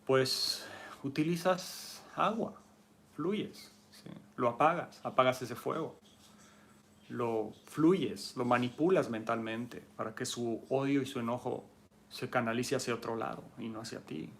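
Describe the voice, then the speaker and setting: Gravelly Mexican martial arts teacher. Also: male voice, mid-range voice, a little slow, slight background noise. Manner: conversational, keeps asking "¿sí?" to check understanding; acts out arguing people in a raised, mocking voice. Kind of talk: casual teaching talk.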